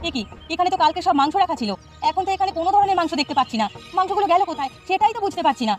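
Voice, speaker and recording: A woman's voice: very high-pitched, racing, faint music behind. Woman as a fretful scolding housewife. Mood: alarmed.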